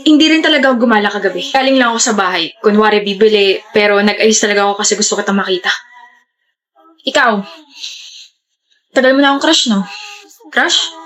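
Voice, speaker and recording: A woman performing scripted comedy-skit dialogue in a playful, excitable way, with sudden shouts. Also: a little high.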